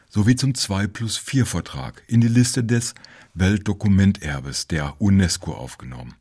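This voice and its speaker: A man narrating a history documentary in a measured, informative way. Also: deep voice, a little mellow.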